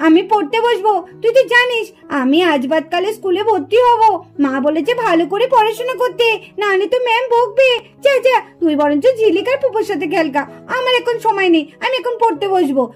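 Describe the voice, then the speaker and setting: Brief: woman voicing a sly, sweet-talking puppet-show girl, very high voice. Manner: coaxing, innocent-sounding.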